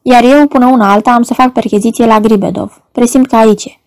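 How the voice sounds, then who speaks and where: A woman's voice: a little high, fairly even intonation, darkish tone, no room sound, natural voice. A woman reading an audiobook voices an agitated young male poet in a frantic, raised voice.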